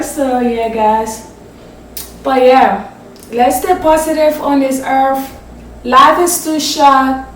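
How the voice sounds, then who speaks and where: A woman vlogger from Africa talks in a high voice, slowly and with passion, pressing hard on her points. She is recorded off the mic in a very echoey room with a faint hum behind her. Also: recorded from a distance. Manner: passionate, emphatic and direct, swearing at times. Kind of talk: emotional story time vlog. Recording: roomy echo, voice off the mic.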